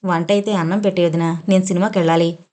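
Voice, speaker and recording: A woman voicing a defiant young man who answers his mother with sarcasm and shouts. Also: fairly low pitch, steady tone, quick pace, natural voice. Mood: sarcastic.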